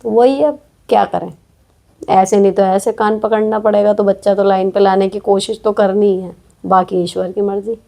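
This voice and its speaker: A woman's voice: medium pitch, steady tone, normal speed, creaky, mellow. Frank, conversational woman host giving practical advice to viewers. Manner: direct, frank, chatty, with frequent tag questions. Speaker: host answering viewer questions. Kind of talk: casual advice talk.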